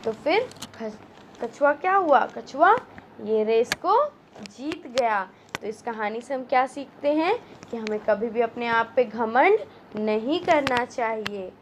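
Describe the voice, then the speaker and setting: A woman's voice: fairly high pitch, lively intonation, slow pace, slight background noise. A woman teacher giving a children's reading lesson, asking simple questions and spelling words out patiently syllable by syllable.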